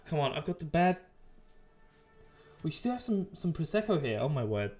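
A man doing live gameplay commentary as a streamer, chatty and excitable, swearing often. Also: a little high, normal speed, soft background music. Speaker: game streamer.

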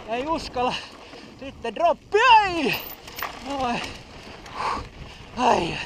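High-voiced man riding a bike trail. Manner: breathless exclamations, swearing, self-mocking. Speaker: mountain biker filming his ride. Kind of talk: casual running commentary while riding. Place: outdoor bike park trail. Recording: outdoor wind noise on camera mic.

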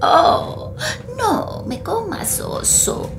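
A woman voicing a frail, timid little old grandmother who pleads in a squeaky, high voice in a read-aloud storybook. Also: big pitch swings, drawn-out words, background noise, full character voice. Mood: pleading.

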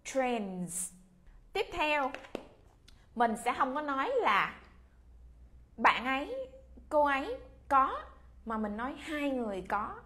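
A woman English teacher from Vietnam giving a children's lesson, modeling phrases in a drawn-out way. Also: high-pitched, very animated, a bit bright. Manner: slow, drawn-out model pronunciation.

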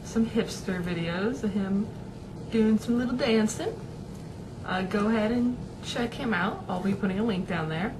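A woman's voice: medium pitch, normal speed, background noise. A young woman talking casually to her webcam in a small room at home, rambling with lots of fillers. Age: young adult. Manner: rambling, chatty, many fillers and restarts. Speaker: vlogger. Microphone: webcam at desk.

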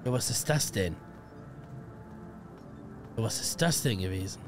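A young man commentating a horror game live, excitable and slangy, greeting viewers. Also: lowish voice, unhurried, over music. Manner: excitable, slangy, yelps at scares. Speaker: gaming streamer. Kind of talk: let's play commentary.

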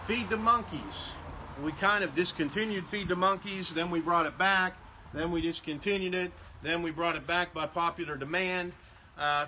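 Male salesman, slightly high voice, casual product walkthrough, noisy recording with vehicle noise behind. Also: pushed and bright. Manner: chatty, repeats prices, restarts phrases; walking around showing products. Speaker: salesman for a game rental company.

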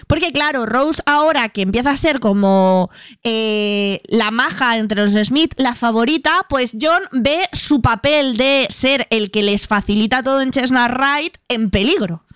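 Give me a lively woman telling her game story with a clear, high voice. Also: unhurried, no echo, studio quality. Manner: animated, voices her characters' lines. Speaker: gameplay narrator. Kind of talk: narrating a life-sim game series.

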